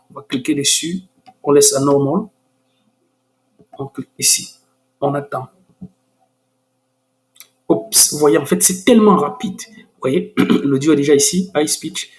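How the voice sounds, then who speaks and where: A man hosting a screen-recorded software tutorial, hesitant and full of restarts, growing enthusiastic. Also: a little high, normal speed, pauses often. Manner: hesitant, many restarts and fillers.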